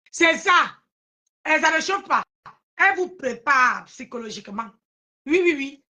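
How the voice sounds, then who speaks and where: A woman hosts a live stream, mocking someone in a drawn-out, sing-song taunt. Her high, bright voice moves slowly and keeps circling back to the same phrases. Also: very animated. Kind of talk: heated live stream commentary.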